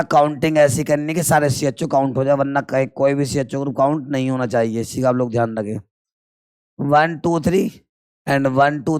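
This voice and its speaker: Guy teaching chemistry, keeps quizzing the kids and answering himself, clean smooth voice, dry close sound. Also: a little high, no echo. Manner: quizzes students and answers himself, calls them "beta". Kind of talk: classroom lecture.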